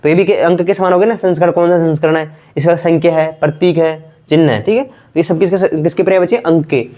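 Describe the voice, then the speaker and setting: A man's voice: a little high, steady tone, quick pace, warm tone. A man teaching a grammar lesson for exam preparation, casual and repetitive, keeps asking and answering his own questions. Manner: repetitive, quizzing himself aloud; casual, addresses students as bhai.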